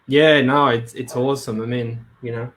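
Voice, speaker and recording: A man's voice: mid-range voice, steady tone, normal speed, fairly bright tone, slight background noise. A man hosting a live webinar in a casual, hesitant way, with many fillers and restarts. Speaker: webinar host. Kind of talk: casual live-stream talk. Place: Brisbane.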